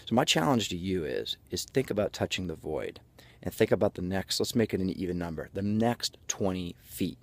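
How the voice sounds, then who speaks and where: A man with a low voice gives a halftime pep speech like a locker-room coach. He sounds winded from walking and carrying on, and he keeps it folksy and jokey as he motivates his listeners. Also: lively intonation, normal speed, creaky. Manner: breathless from exertion while walking; folksy, jokey self-narration in the third person.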